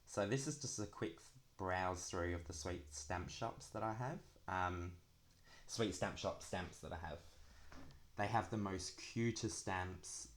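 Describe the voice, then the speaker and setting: A young man talks in a low, deep voice. He chats casually as he shows craft supplies, and his s sounds come out long and drawn out. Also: unhurried. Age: young adult. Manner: drags out the s sounds. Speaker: craft planner vlogger. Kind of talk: casual chatty product walkthrough.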